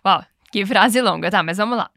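A woman teaching English and running repeat-after-me drills, speaking clearly and patiently and slowing down on model phrases. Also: mid-range voice, a bit bright, no room sound, clean studio sound. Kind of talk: bilingual language lesson with repeat drills.

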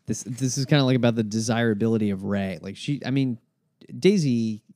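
A man in casual podcast chat, talking frankly and in a relaxed way, sometimes in quick bursts. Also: mid-range voice, no room sound.

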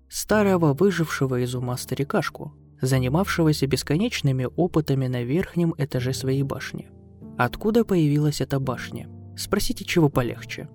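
A male narrator tells a dark horror tale in a scripted storytelling style. His voice sits at a medium pitch, with instrumental music playing behind it. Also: vocal fry. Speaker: narrator of bedtime horror stories.

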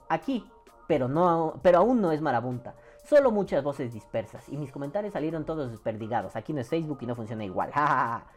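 A man with a Mexican accent hosting a podcast, reading viewer comments in casual, profane chat and jumping into high mock voices. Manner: animated, swings into high mock voices, swears freely.

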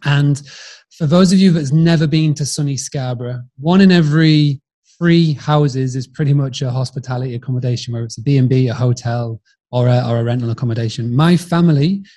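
A Yorkshireman in his forties, guesting on a podcast, tells his story in a friendly, chatty way, often restarting and repeating words. His mid-range voice is brisk with a dark tone.

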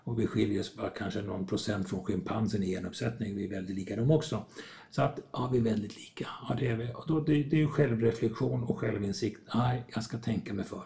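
With a fairly low pitch, vocal fry and a dark tone, this man is a reflective podcast guest. His conversational explanations are often illustrated by brief dialogues he acts out.

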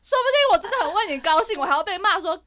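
A woman's voice: very high voice, expressive, very fast, a bit bright. A young woman, co-hosting a casual podcast, telling stories wryly and laughing. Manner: wry, laughing storyteller. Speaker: podcast co-host. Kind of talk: casual chat.

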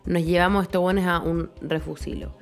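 A woman's voice: fairly low pitch, fairly even intonation, a little fast, creaky. A young Chilean woman co-hosting a casual chat, rambling with confident slang. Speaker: podcast co-host.

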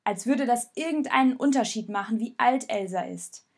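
A woman voicing a young boy, heated and scornful, in a storybook reading with a slightly breathy voice. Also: medium pitch, normal speed, natural voice. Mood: accusing. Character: boy named Jonas, young, mocking and accusing.

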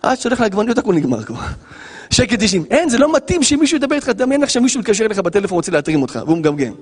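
A man, a rabbi, giving an animated Torah lesson, acting out scenes and firing rhetorical questions at listeners. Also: sits high, breathy edge, big-room sound.

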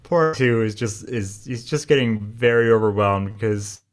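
A man co-hosting a podcast in casual chat, often halting and repeating words as he recaps. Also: on the low side. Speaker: podcast co-host.

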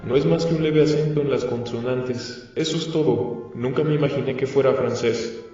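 Man reading as nervous young male interviewer, timid and hesitant, a bit higher voice, dark echoey distant recording, faint music. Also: moderate pace, highs cut off, close to an everyday voice.

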